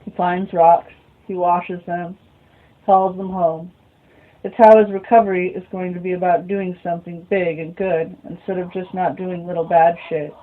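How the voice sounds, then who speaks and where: A woman's voice: on the low side, level tone, moderate pace. Woman reading a novel aloud, lo-fi. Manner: mutters asides to herself between passages. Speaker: reader. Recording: phone-like lo-fi recording.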